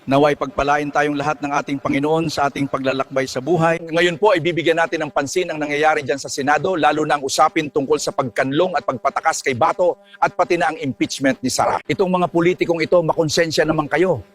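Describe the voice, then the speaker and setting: A man's voice: fairly high pitch, fairly even intonation, quick pace. Earnest man in a mock sermon. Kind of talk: mock sermon and comic dialogue.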